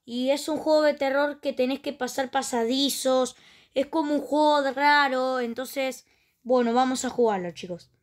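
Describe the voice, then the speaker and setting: Brief: Rioplatense woman host, let's play commentary, high voice, chatty and exclamatory. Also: moderate pace. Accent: Rioplatense Spanish. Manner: chatty, exclaiming often while playing. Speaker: gaming channel host.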